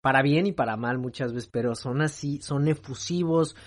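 Mexico City man, podcast co-host, easygoing slangy talker, mid pitch. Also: moderate pace. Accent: Mexico City Spanish. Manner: reflective, slangy, enthusiastic. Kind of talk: casual podcast chat.

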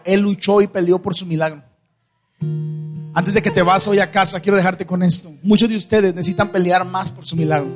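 A man with a Mexican accent telling a Bible story at a church concert, asking the crowd questions and acting out voices. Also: high voice. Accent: Mexican Spanish. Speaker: worship band singer preaching between songs.

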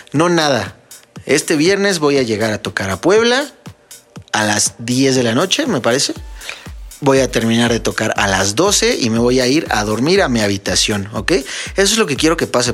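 A young man with a Mexican Spanish accent, a podcast host and DJ, runs a casual solo podcast, telling funny stories and speaking directly to listeners as though they were friends. His voice is mid-range with a fairly bright tone.

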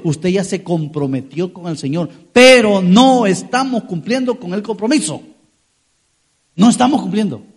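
Husky, animated preaching pastor. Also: male voice, sits high. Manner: lively, talks to the congregation, acts out quoted voices. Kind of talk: sermon.

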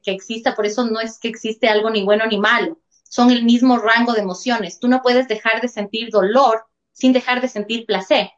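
A woman, a talk-show guest earnestly explaining, often checking in with rhetorical questions. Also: a little high. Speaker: guest speaker on emotions and trauma. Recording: dull lo-fi sound.

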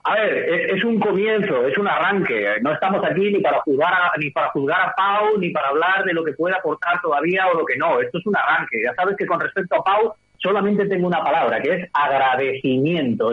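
A man giving enthusiastic basketball commentary, emphatic and building his points with repetition and lists, over a phone. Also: on the high side. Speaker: basketball pundit. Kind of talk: enthusiastic sports commentary in conversation. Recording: narrow, tinny phone line.

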